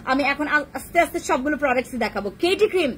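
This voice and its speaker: A young Bangladeshi woman selling on a live stream, talking fast and repeating herself, dropping English words into her pitch. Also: animated, fairly bright tone, a little hiss or hum, low-quality recording. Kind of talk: fast casual sales pitch.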